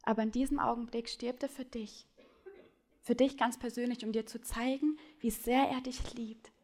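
A woman preaching a sermon, speaking straight to her listeners and swinging between loud urgent appeals and hushed, intimate lines. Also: a little high, fairly even intonation, moderate pace. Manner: addresses listeners directly with questions.

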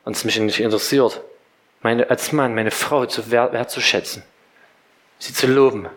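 A man's voice: mid-range voice, normal speed. A middle-aged man preaching a sermon to a congregation in a church, speaking directly to listeners and telling stories about his children. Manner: lively storytelling preacher, direct address. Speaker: pastor.

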